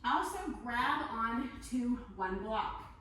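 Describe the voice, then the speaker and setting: A woman's voice: a little high, lively intonation, takes it slowly, a bit bright. A woman leading a workout class as an aerobics instructor, counting and cueing moves in short encouraging commands as she exercises along. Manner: physically exerting while talking. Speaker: fitness instructor. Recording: very echoey room, distant mic, faint noise.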